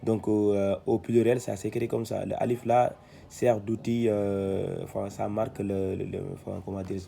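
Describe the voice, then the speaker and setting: A man teaching Quran reading, sounding out syllables loudly one by one, then explaining calmly with many hesitations. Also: on the low side, measured pace, gravelly. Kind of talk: slow syllable-by-syllable reading lesson.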